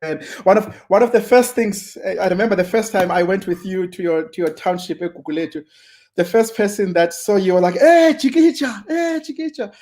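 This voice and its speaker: A man's voice: high voice, a little fast, a little mellow. A man hosting an interview, stumbling over repeated words as he builds up to his questions. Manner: hesitant, stammering repeated words before questions. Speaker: interviewer host. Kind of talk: casual interview.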